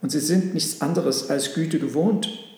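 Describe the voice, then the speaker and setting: A man's voice: fairly high pitch, unhurried, creaky, darkish tone, very echoey, big-room sound. A man voicing an overworked woman in a storybook who laments and pleads. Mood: lamenting. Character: overworked woman, Mary's sister.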